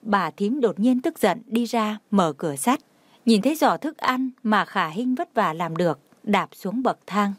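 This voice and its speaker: A woman reading a story aloud in a steady, even narration. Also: mid-range voice, unhurried, no echo.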